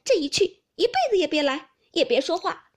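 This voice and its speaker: A woman reading a classic novel aloud, voicing a sharp-tongued, touchy young noblewoman whose reproaches climb high. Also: animated, a little slow. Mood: indignant. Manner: reproachful, pitch climbs steeply.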